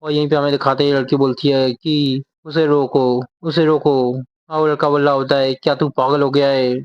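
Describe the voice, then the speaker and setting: Flat-voiced male manga storyteller. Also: medium pitch, quick pace, smooth, dry recording, lo-fi sound. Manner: steady narration, quotes characters' lines without acting them. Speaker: manga explainer.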